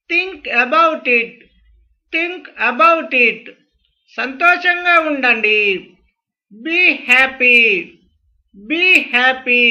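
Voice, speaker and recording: Teacher voice, high-pitched, very slow, each phrase repeated twice, sharp bright tone. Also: lo-fi sound. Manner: says each English phrase twice, slowly and clearly. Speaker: spoken English teacher.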